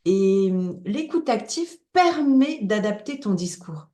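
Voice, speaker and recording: A woman's voice: mid-range voice, lively intonation, slow pace, warm tone, reverberant. A woman coach from northern France, chatting candidly as an interview guest and laughing easily. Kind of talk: casual interview chat.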